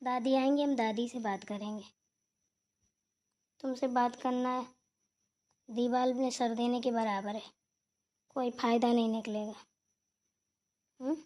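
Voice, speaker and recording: A woman voicing a stern elder sister-in-law in a cartoon, scolding in a measured way. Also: fairly high pitch, steady tone, mellow, close to an everyday voice. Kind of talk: cartoon voice acting.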